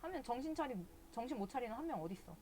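A woman's voice: a little high, expressive, very fast, a little mellow. Swearing, chatty woman game streamer. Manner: chatty, exasperated, curses at game characters. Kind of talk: casual live game commentary.

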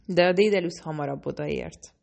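A woman reading the lines of a calm young man recounting events in a matter-of-fact way, in an audiobook. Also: sits low, creaky.

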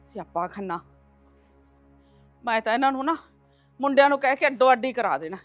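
A middle-aged woman playing a mother-in-law who loudly scolds her quarrelling daughters-in-law. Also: fairly high pitch, expressive, brisk, faint music behind, close to an everyday voice. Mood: scolding. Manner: loud, scolding, sharp-tongued. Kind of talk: village family drama acting.

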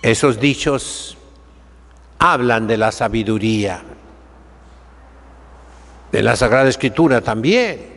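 An older man, a priest, preaching a seated sermon in a chapel, slow and emphatic, with sweeping rises and drops. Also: mid-range voice, lively intonation, fairly bright tone, in a large hall. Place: chapel sanctuary, seated by the altar.

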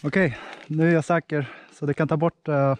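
Tired man climbing a tree, slightly high voice. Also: fairly even intonation, a little hiss or hum. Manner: coaxing, gentle calls to a cat. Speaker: tree climber rescuing a cat. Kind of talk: vlog narration while climbing. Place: outdoors up a tall tree.

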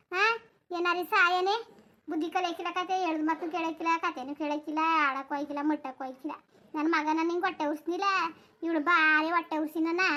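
A woman's voice: very high-pitched, bright, forceful tone. A woman voicing a fed-up village mother in a cartoon who scolds and complains at length. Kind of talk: cartoon voice acting.

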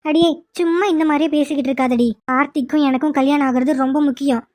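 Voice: high voice, steady tone, fast, darkish tone, no room sound, studio quality, pitched below the performer's own voice, close to an everyday voice. A performer voicing an anxious, devoted young snake-woman heroine in a cartoon, worried and pleading. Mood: insistent. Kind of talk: cartoon voice acting.

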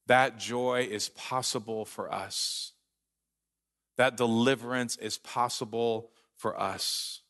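A man preaching a sermon as pastor, earnest and emphatic, slowing down to read scripture aloud. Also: medium pitch, steady tone, fairly bright tone. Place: church sanctuary.

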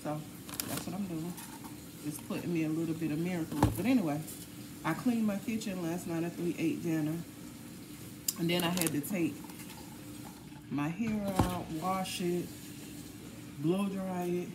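A tired woman with a lowish voice chats casually at a moderate pace, pausing often, as she cooks and cleans in her home kitchen. She's a family vlogger, and heavy background noise runs through the clip.

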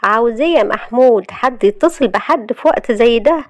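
A woman's voice: fairly high pitch, expressive, brisk, dry recording, pitched above the performer's own voice, lightly acted. A woman voicing a snide, scheming young woman in Egyptian Arabic, who sounds impatient.

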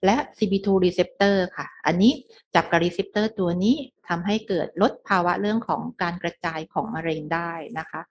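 A middle-aged woman lectures on a medical topic in a slightly low voice. She explains each step patiently and drops English technical terms into her speech, softening her sentences with polite particles. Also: normal speed.

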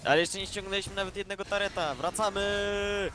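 A man playing as a teammate, making quiet, mumbled calls in casual gameplay chat. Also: fairly high pitch, expressive, normal speed, slight background noise. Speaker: gaming teammate.

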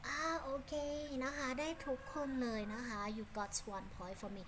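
A woman with a Thai accent teaching English to children online, giving warm praise and speaking her English slowly. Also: a little high, a little hiss or hum. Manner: warm praising, switches between Thai and English, slow deliberate English.

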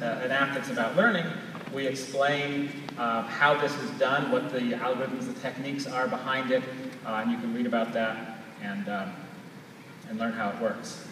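A man giving a conversational, explanatory live product demonstration on stage as a presenter. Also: mid-range voice. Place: large auditorium stage, recorded from far in audience. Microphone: distant camera picking up PA sound. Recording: echoey large hall, distant, noisy audience recording.

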